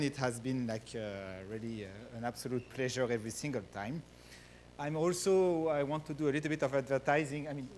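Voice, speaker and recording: A man's voice: medium pitch, a little hiss or hum. A man with a French accent giving a research math lecture, hesitant, with many fillers and restarts. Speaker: guest lecturer.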